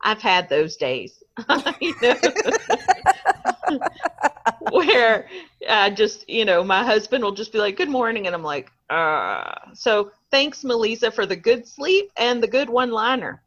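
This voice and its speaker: Slow-talking chatty woman, lo-fi sound. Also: fairly high pitch, lively intonation, a bit bright. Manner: chatty, laughs often, self-deprecating. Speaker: podcast co-host. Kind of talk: casual chat.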